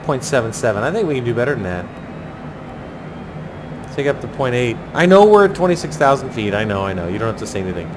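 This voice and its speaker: A man with a mid-pitched voice talks through a flight in a casual, chatty way. He thinks aloud as he goes, dropping in pilot jargon. A steady, clearly audible rumbling drone runs behind his voice. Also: fast talker. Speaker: flight simulator pilot and host. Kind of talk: casual narrated flight commentary. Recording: clearly noisy, steady low engine-like rumble.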